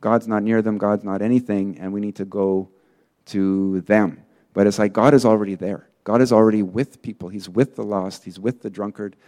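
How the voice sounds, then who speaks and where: Low-voiced man telling church testimony. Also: normal speed. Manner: casual storytelling, many fillers; acts out quoted people in lively bursts. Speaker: preacher. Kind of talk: sermon testimony.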